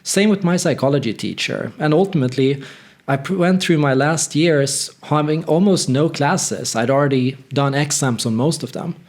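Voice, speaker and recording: A man's voice: a little high, moderate pace. Reflective man. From northern Sweden. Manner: reflective, candid, conversational. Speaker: channel host. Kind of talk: personal storytelling monologue.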